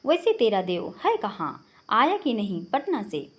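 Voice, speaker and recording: A woman's voice: medium pitch, wildly swooping pitch, a little slow. A woman voicing an affectionate young bride-to-be.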